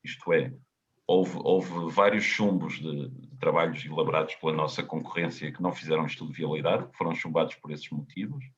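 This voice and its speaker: A man with a European Portuguese accent, a consultant answering webinar questions in a halting, explanatory way, often repeating words. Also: rumbling low, fairly bright tone. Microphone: video call. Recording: dull lo-fi webinar audio.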